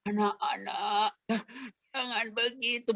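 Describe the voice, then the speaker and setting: A man's voice: high-pitched, fairly even intonation, takes it slowly, vocal fry, pushed and bright, no echo, voice pushed up, exaggerated voice. A man voicing a sorrowful old priest who pleads with his wayward sons. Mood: pleading sadly.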